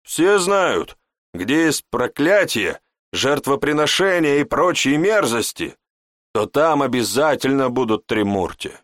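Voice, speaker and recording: A man's voice: mid-range voice, big pitch swings, a little slow, fairly bright tone, no room sound, clean studio sound, voice pushed up. A man voicing a gossipy townsman who spreads rumors in a confiding, indignant way. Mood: indignant gossip.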